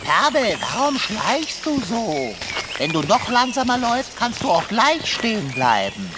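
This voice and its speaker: An actor playing a grumpy, whiny talking tomcat with a lordly, fussy way of speaking in a children's radio play. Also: male voice, sits high, huge pitch swings, measured pace, background noise, full character voice. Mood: grumbling. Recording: outdoor nature ambience behind.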